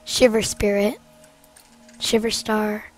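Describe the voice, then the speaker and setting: A young woman casually commenting on a game she is recording, gushing and excitable, repeating exclamations. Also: medium pitch, takes it slowly, soft background music. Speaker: gaming vlogger.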